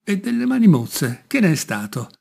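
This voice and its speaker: A man's voice: sits high, sing-song, normal speed, gravelly, dark tone, pitched above the performer's own voice, heavily acted. A man voicing a grieving young king, anxious and pleading, his voice rising.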